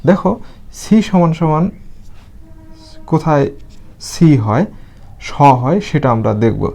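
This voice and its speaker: A man teaching English reading, explaining spelling and pronunciation slowly, spelling words out letter by letter. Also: a little high, animated, gravelly, warm tone, soft background music.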